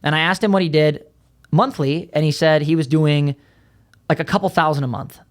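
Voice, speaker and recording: Blunt, fast-talking man on a podcast. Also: a little high. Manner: blunt, fast storytelling with many "right?" tags. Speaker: ad agency founder, podcast guest. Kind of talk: casual podcast conversation. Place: podcast studio.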